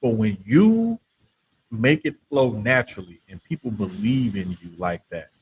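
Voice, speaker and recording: A middle-aged man in a casual group chat as a podcast host, talking in an animated, emphatic, slangy way. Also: fairly low pitch, a little slow, slight background noise, rough recording.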